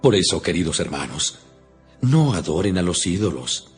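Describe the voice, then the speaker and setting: Casting: an earnest, stern apostle for a dramatized audio scripture, lowish register, solemn preacherly emphasis, light score underneath. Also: male voice, sing-song, moderate pace, slightly rough, exaggerated voice. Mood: solemn, admonishing. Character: apostle Paul, earnest, stern male preacher to his flock. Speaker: Bible reader voicing the apostle Paul. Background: music behind the voice.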